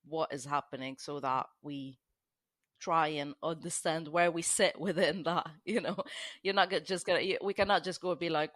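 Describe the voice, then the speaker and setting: A woman's voice: deep voice, fairly bright tone, dry recording. Woman explaining, dry close sound. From Lebanon. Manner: explains at length with many restarts and "you know". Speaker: guest archaeologist. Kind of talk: podcast conversation.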